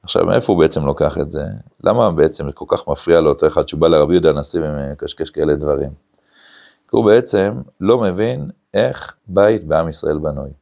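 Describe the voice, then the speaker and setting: A man, a rabbi, giving an animated Talmud study lecture, acting out quotes and using many filler sounds. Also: rumbling low, creaky. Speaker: rabbi teaching a class.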